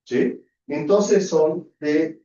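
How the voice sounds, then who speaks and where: A man's voice: a little high, very slow, mellow. A man with a Mexican Spanish accent, a surgeon giving a university anatomy lecture, constantly checking in with rhetorical questions. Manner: peppers talk with rhetorical questions, tag checks. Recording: echoey distant dull lecture hall audio.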